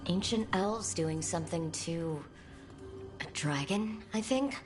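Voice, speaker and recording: Low-voiced, practical young adventurer. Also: female voice, slow pace. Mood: cautious, curious. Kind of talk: video game voice acting. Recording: loud music behind the voice.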